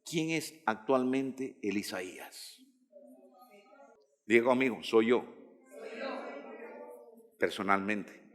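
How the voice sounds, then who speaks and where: Emphatic preacher in a reverberant hall. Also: male voice, expressive, slow, long pauses. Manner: emphatic, rising to loud calls and dropping low. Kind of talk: sermon.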